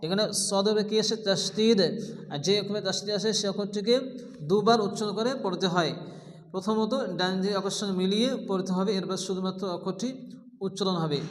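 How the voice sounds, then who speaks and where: A man teaching Quran recitation step by step, who asks questions, answers them himself, and recites slowly in a chanting tone. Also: sits high, steady tone, in a large hall, rough recording. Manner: explains rules, then recites slowly in a chanting tone.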